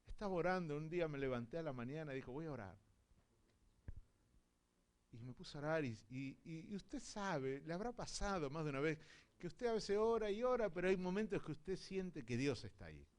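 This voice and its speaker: A man from Argentina with an Argentine accent preaching a sermon, telling stories and acting out dialogue, swinging from hushed to loud. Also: a little high, animated, fairly quick. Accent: Argentine Spanish. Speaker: visiting apostle preaching.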